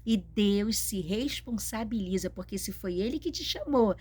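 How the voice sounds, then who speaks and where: A woman's voice: mid-range voice, animated, unhurried, a little mellow, breathy edge. Woman, Brazilian Portuguese accent, preacher, emphatic exhortation, mid-range voice. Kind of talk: sermon-style teaching video.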